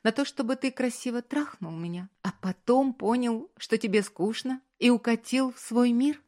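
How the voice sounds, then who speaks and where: A hurt young woman from a romance audiobook, tearful and defiant, her voice pitched up high and pushed louder as she pleads. A woman reader puts her on. Her delivery sounds strained and urgent. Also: moderate pace, natural voice.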